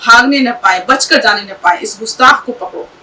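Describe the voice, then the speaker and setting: A woman voicing an angry old male king in a storybook tale, shouting orders to seize someone. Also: a little high, normal speed, far from the mic, slight background noise, poor audio.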